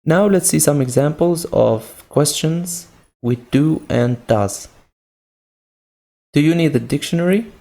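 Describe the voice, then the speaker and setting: Slow, gravelly Moroccan English teacher. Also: male voice, on the high side, warm tone. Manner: patient, repeats each point with examples. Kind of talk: slow grammar lesson.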